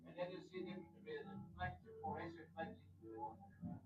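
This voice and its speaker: A man's voice: high voice, huge pitch swings, brisk, vocal fry, faint music behind. A man who is not a native English speaker, informally explaining things to visitors as a local guide. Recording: echoey, distant, dull location sound.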